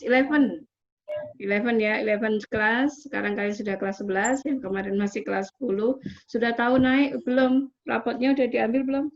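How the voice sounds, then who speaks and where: Woman teacher, online lesson, drills pronunciation patiently, echoey and muffled. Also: medium pitch. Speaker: English teacher. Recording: echoey, dull, noisy online recording.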